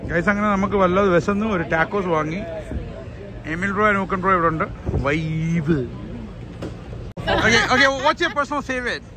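High-pitched Malayali man mixing Malayalam and English. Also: measured pace, poor audio. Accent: Malayali Indian. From India. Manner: excitable, slangy. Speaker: vlogger. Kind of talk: casual vlog chat. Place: outdoor festival grounds, later inside a car. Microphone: phone at arm's length. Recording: busy outdoor festival crowd and music.

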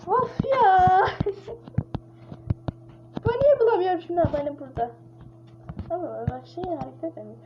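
Very high-pitched and pausing often at a moderate pace, a female gamer talks her way through a horror game in casual let's-play style, panicking, exclaiming, and chattering. The lo-fi mic sounds dull and has clear hiss.

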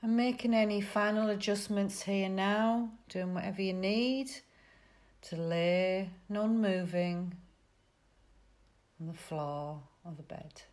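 This yoga nidra teacher's voice is medium in pitch and slightly mellow. She delivers calming guided relaxation cues at a leisurely pace, pausing between phrases.

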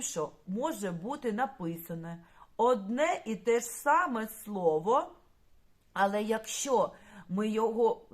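A woman teaching a primary school lesson, speaking patiently and addressing the children directly. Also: on the high side.

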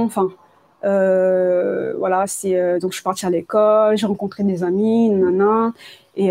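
A nineteen-year-old woman from Congo, who moved to France at age nine, gives a personal testimony in a medium-pitched, dark-toned voice. She tells her story informally and hesitantly, in colloquial speech with repeated words.

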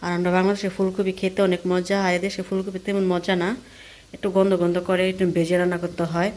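A Bangladeshi woman vlogging casually as she cooks at home, explaining each step in a chatty way, her voice hoarse from a cold. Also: lowish voice, level tone, quick pace, darkish tone. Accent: Bangladeshi Bengali. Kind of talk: casual cooking vlog. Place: home kitchen.

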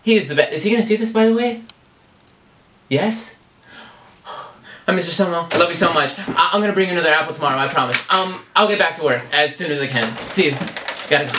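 A man's voice: fairly high pitch, brisk, long pauses, background noise, lightly acted. A man playing an eager, fussy teacher's-pet student in an amateur comedy skit. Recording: echoey room, distant mic, loud clatter.

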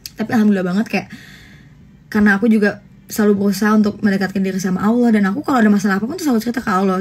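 A young woman talks casually into her phone, answering followers' questions in a loose, joking way. Her voice is breathy and sits at an ordinary pitch for a woman. Bursts of high laughter break into her answers. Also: a little mellow. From Indonesia. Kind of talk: casual livestream chat.

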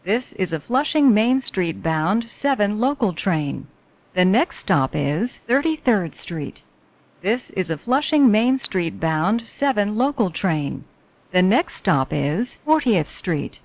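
Woman doing subway announcements, slow n formulaic, pitch moves around a lot. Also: sing-song, low-quality recording. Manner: measured, formulaic delivery. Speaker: train announcer. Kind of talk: scripted subway station announcements.

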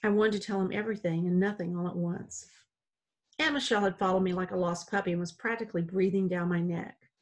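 A woman reading a children's novel aloud in a plain, steady storytelling way. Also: on the low side, fast. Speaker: audiobook reader.

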